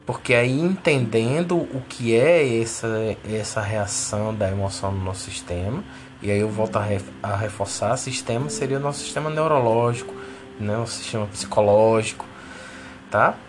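A man's voice: lowish voice, normal speed, a little hiss or hum. A man explaining a lesson step by step, repeating key words and checking in with the listener. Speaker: teacher of a spiritual course. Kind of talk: didactic explanation.

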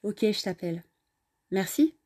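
Woman reading young newcomer woman, guarded, exasperated, higher than the narration, husky, mellow. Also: expressive, a little slow. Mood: tired.

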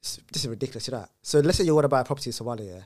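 A man's voice: mid-range voice, very fast, a little mellow. A young man with a London accent tells stories casually to his friends in slangy roadman speech. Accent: London, urban multicultural street slang. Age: young adult. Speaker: conversation participant. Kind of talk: casual chat, anecdotal storytelling among friends.

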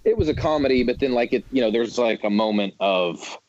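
A man's voice: mid-range voice, lively intonation, a little fast, a little mellow, no room sound, lo-fi sound. A man in his thirties co-hosting a sports podcast in casual chat, rambling with many restarts. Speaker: podcast co-host.

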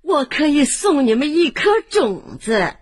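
A woman voicing a kindly old grandmother who speaks slowly and gently in a children's story. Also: sits high, sing-song. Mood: gentle. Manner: slow, gentle and soothing.

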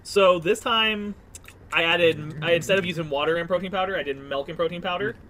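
A man's voice: high-pitched, brisk, bright, forceful tone. A young man hosting a casual beer tasting with friends, chatty and leading the talk with playful boasts. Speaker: host running a beer tasting. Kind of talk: casual chat among friends.

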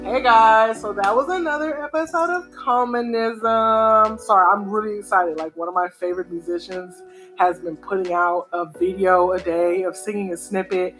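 A woman co-hosts a casual podcast from home, speaking in a mid-pitched voice. She talks in an animated, opinionated way and drops plenty of "y'all" and "like". Faint music sits under her voice. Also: normal speed. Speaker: podcast co-host.

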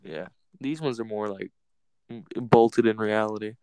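A man's voice: on the low side, unhurried, darkish tone, clean tone, no room sound, poor audio. A man hosting a casual podcast chat, rambling in a laid-back way and saying "bro" and "like" a lot. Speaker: podcast host.

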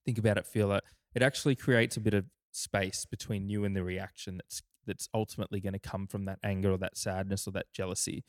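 Low smooth-voiced man, rambling casual chat. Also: flat delivery, fast talker, few pauses. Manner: rambling, many restarts and fillers. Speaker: podcast co-host.

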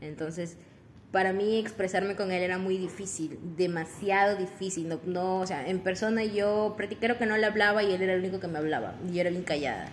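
A woman's voice: fairly low pitch, fairly quick, slight background noise. A young woman, telling a personal story on a gossip podcast in a rambling, laughing way. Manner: chatty, laughs often, rambling with restarts. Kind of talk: casual gossip chat.

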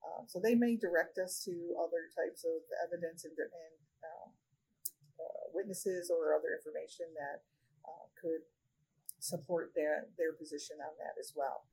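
A woman who directs a regional office of a state agency, answering interview questions in a measured way with many fillers. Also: low voice, steady tone, vocal fry, darkish tone, breathy edge, low-quality recording. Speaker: regional director of a state human rights agency, podcast guest.

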